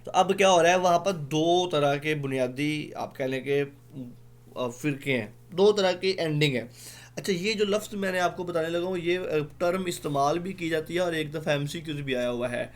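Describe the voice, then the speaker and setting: In an online exam-prep lecture, a man whose voice is a little high speaks slowly and fills his explanations with fillers. Words get spelled out letter by letter.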